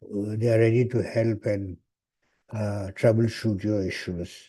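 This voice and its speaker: A man's voice: on the low side, steady tone, measured pace, dark tone. A man giving an online lecture, heard over a video call, hesitant with frequent "uh" fillers. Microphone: computer mic on a video call.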